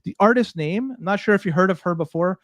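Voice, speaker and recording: A man's voice: high-pitched, quick pace, dry recording, clean studio sound. A man from Toronto co-hosting a podcast, chatting casually in an exasperated, swearing way. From Toronto, Canada. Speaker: podcast co-host.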